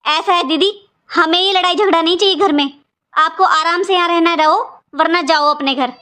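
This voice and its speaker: A woman's voice: extremely high pitch, moderate pace, bright, forceful tone. A woman voicing a stingy, scolding aunt by marriage in a cartoon, with a taunting, complaining manner. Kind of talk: cartoon voice acting.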